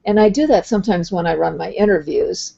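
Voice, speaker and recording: A woman hosting a video call, patiently explaining how the software works and thinking aloud as she goes. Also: lowish voice, a little fast, vocal fry, husky. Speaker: host. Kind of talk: casual explanatory chat. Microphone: computer mic on a video call. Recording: dull lo-fi online call audio.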